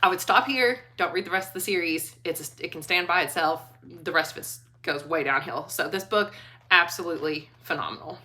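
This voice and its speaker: Woman, casual book vlogger, animated and giggly, clear bright tone. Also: lowish voice, fairly quick. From Kentucky. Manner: chatty, animated, laughs often, trailing restarts. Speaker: school librarian book reviewer. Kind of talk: casual book review vlog.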